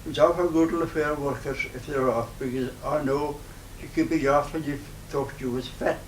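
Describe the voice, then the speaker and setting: A man in his nineties with a broad Scottish accent, reminiscing informally in a halting, rambling way in dialect. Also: fairly high pitch, steady tone. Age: 90s. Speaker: interviewee, retired farm worker. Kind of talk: informal oral-history reminiscence. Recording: roomy, noisy, distant microphone.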